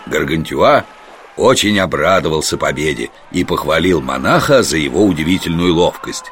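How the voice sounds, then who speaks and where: A man narrating a children's storybook in an expressive, lively storytelling voice. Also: extremely low pitch, moderate pace, slight background noise.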